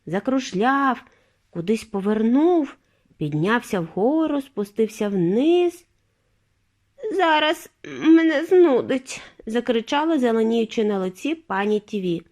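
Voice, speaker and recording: A woman reading a children's audiobook as a bedtime story, telling it with expressive, animated delivery. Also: fairly high pitch, unhurried. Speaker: audiobook reader.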